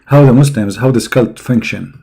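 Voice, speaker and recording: A man's voice: medium pitch, normal speed, gravelly, mellow, breathy edge. A man giving sarcastic, mocking religious commentary, saying he is losing his voice.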